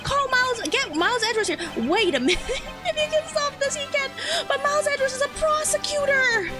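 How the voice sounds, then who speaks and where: A woman's voice: very high-pitched, lively intonation, a little fast. A woman streaming a game, chatting casually and reacting aloud in an exclamatory, giggly way. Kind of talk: casual gaming commentary. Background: faint game music.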